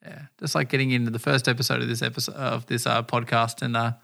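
A man's voice: mid-range voice, flat delivery, fast talker, vocal fry, bright, forceful tone. An Australian man co-hosting a podcast in casual chat, laughing often and swearing freely in jokey banter. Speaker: podcast co-host.

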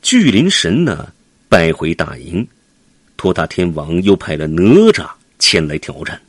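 A man's voice: low-pitched, very animated, unhurried, dry recording. A man narrating a classic adventure tale for children in a dramatic, vivid way. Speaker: storyteller.

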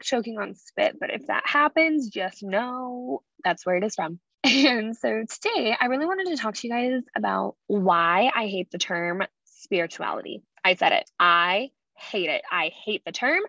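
A woman's voice: fairly high pitch, lively intonation, normal speed, sharp tone, no echo, muffled recording. A woman hosting a casual solo podcast, talking candidly with lots of fillers, her S sounds a little slurred from the retainers she is wearing. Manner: candid, rambling, frequent fillers and asides. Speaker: podcast host.

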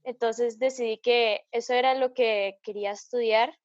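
A woman's voice: on the high side, fairly even intonation, moderate pace, dry recording. A teenage girl, a student guest talking reflectively and hesitantly in a casual podcast conversation. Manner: reflective, hesitant, many fillers like "como" and "entonces". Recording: dull lo-fi dry sound.

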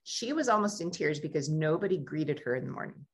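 A woman's voice: low voice, brisk. An American woman who hosts a travel talk show, telling a story and acting out the voices in it. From United States. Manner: animated, acts out quoted voices. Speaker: travel show host and tour guide. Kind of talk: casual conversational storytelling.

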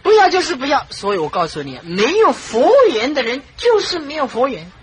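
A Buddhist monastic teacher giving a dharma talk, telling stories in an animated way, with frequent chuckles and repeated phrases. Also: sits high, a little fast, slight background noise, rough recording.

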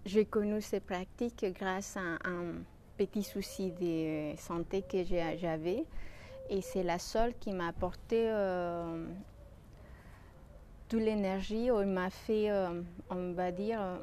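A woman from Mexico speaking French with a Mexican Spanish accent, a shiatsu practitioner answering interview questions with many pauses and restarts. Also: on the low side, steady tone, warm tone, slight background noise. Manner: hesitant, many fillers and restarts.

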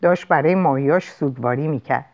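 A woman narrating a novel as an audiobook in an expressive, lively storytelling manner. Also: low-pitched.

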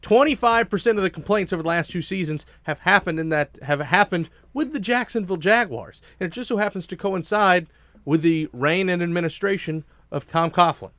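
A man co-hosting a sports talk show, arguing his opinions emphatically with quick restarts. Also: high voice, a bit bright, no echo.

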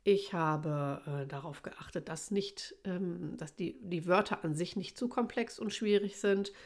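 A woman's voice: fairly low pitch, measured pace. A woman, a children's author, hosting a casual podcast and thinking aloud with small fillers. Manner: thoughtful, with fillers.

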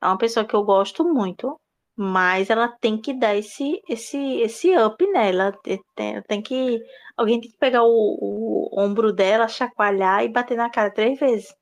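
A woman co-hosts a casual podcast and chats in an emphatic, playful way. Her voice sits somewhat high. She leans into exclamations. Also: unhurried. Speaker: podcast co-host.

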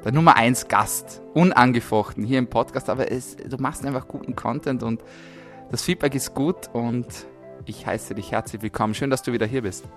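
A man's voice: medium pitch, moderate pace, faint music behind. A man hosting a health podcast, chatty and friendly, repeating his welcomes. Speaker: podcast host. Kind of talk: casual podcast interview.

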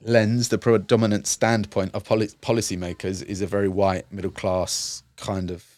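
A man's voice: lowish voice, little pitch movement, normal speed, darkish tone, dry recording. A man working with young people, speaking reflectively in an interview with many fillers and restarts. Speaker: youth and community worker, guest. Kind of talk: conversational interview.

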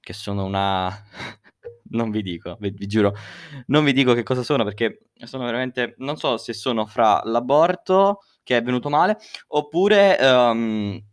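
A young man hosts a solo podcast, speaking through a face mask into a close microphone. His voice sits at an average pitch in a very dry space. He rambles casually and jokingly, often correcting himself mid-thought. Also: measured pace, smooth, no room sound. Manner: rambling, self-correcting, uses swear words. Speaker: podcast host. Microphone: close podcast microphone, dry sound.

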